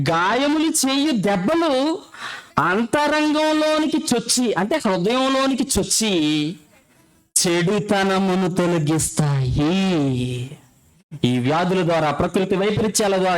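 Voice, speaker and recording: Delivering a sermon with a clean tone and a high-sitting voice, this preacher alternates brisk explanation with slow, stretched-out readings of scripture. Rhetorical questions and repeated phrases drive his points home, though the recording is rough.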